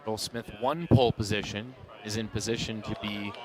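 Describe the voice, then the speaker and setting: A man giving live poker commentary as a tournament commentator, calling the play in a measured, unhurried way with pauses. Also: on the low side, steady tone.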